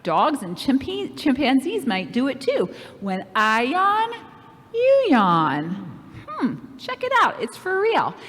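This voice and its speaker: A woman leading a children's camp lesson, playful and animated as she speaks straight to the kids. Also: high voice, slow pace. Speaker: children's program leader. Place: church. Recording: echoey hall reverb.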